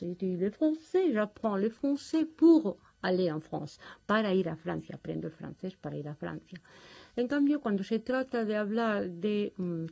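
A woman lectures on French grammar with patient, didactic care, addressing her students formally. Her voice is mellow and dark, with a gravelly edge. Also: on the low side. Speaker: French teacher. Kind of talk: lecture to distance learners.

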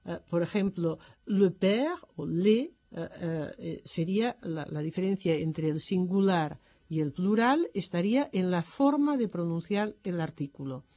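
A woman's voice: on the low side, expressive, mellow, no room sound. Methodical woman teaching. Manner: methodical, often pausing on "eh" and "entonces". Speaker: French language teacher. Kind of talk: explanatory lecture.

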